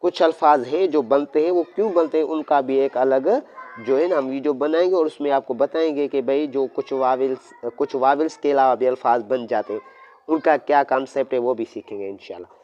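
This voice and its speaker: A man's voice: mid-range voice, a little fast, darkish tone. A man teaching a lesson with speech, explaining step by step and answering his own questions. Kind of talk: classroom lesson. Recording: dull lo-fi audio.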